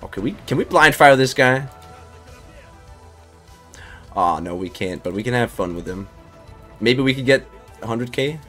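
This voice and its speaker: A man's voice: mid-range voice, a bit bright. A man casually chatting with viewers while streaming a game, loose and talkative, swearing and laughing now and then.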